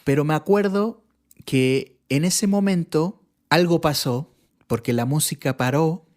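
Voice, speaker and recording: A man's voice: fairly high pitch, measured pace, a little mellow. A man from Chile, a podcast guest, telling a personal testimony in casual conversation, earnest and reflective, often restarting his sentences.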